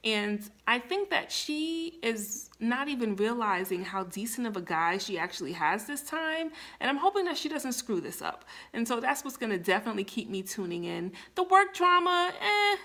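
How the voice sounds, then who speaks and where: A woman's voice: a little high, very animated, normal speed, hardly any pauses, sharp tone. A woman in her thirties talking casually to camera, giving chatty, big-sister relationship advice. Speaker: vlogger.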